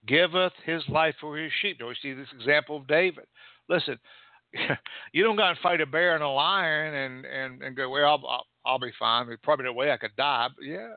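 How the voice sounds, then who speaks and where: Man, pastor, sermon, swinging pitch and volume, thin phone-like sound, no room echo. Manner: preaching with wide swings of pitch and loudness.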